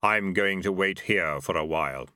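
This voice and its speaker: A man voicing Death, a solemn male figure who speaks slowly and gravely, read as part of an audiobook. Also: low-pitched, bright, forceful tone, no echo, studio quality, voice pushed down. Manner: slow, measured and grave. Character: Death, solemn slow-spoken male personification.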